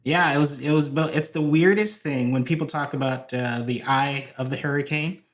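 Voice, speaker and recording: A Hawaiian man who directs videos for a church is a guest on a podcast, chatting casually in an interview. His voice is a little high and his speed normal, and he rambles through his stories with lots of fillers and restarts.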